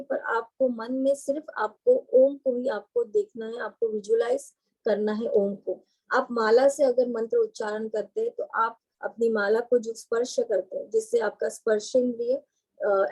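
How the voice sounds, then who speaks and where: A meditation instructor guides a lesson in a slightly high, mellow voice, speaking very slowly and gently. She pauses and hesitates softly while walking the listener through each step. The audio is slightly rough and poor.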